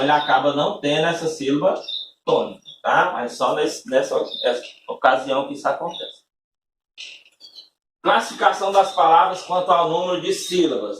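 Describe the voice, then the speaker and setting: A man with a fairly high, slightly bright voice teaches a classroom-style lesson, patiently explaining step by step and often using tag questions to check in with listeners. He is recorded off-mic from a distance in an echoey room, with a little hiss or hum.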